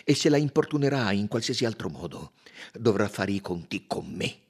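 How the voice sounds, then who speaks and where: A man's voice: on the low side, very animated, normal speed, breathy edge. A man reading aloud and voicing an angry, blustering male colonel who threatens and warns. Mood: warning.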